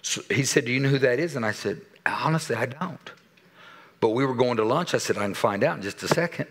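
A man in his sixties preaching a sermon in a church, telling a story with animated quoted dialogue and dropping to a soft voice for serious points. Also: medium pitch, fast. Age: 60s. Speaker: pastor. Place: church sanctuary.

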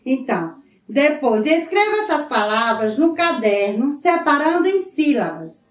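A woman teacher with a Brazilian Portuguese accent giving a lesson to schoolchildren, drawing out words slowly and asking "certo?" again and again. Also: high-pitched, big pitch swings. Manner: slow, drawn-out syllables, often checks with "certo?". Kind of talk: recorded school lesson for children. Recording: roomy, mic at a distance.

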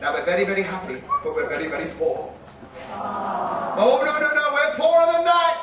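A man playing a loud, cheeky pantomime dame, a village mother working the audience with broad comic patter. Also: sits high, very animated, normal speed. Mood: chatty, cheeky. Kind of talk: live pantomime stage comedy. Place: large theatre stage, filmed from the auditorium. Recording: echoey theatre from far off, audience noise.

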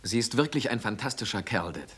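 A man plays an earnest young adult son in a dubbed family drama. He speaks with urgency, and his pitch moves a lot. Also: expressive, a little fast, background noise, close to an everyday voice. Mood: worried. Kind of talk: TV drama dub.

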